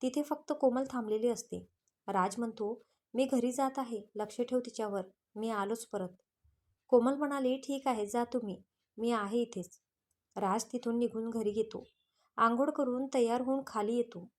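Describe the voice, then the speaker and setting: Woman narrating a romantic story, slightly high. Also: normal speed, darkish tone. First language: Marathi. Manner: reads all characters' lines in her own voice.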